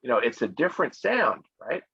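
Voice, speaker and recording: A middle-aged American man gives a relaxed, friendly presentation on travel spots to an online English conversation club over a video call. He speaks clearly and a little fast at medium pitch, with fillers and laughs. The audio is dry, dull and lo-fi.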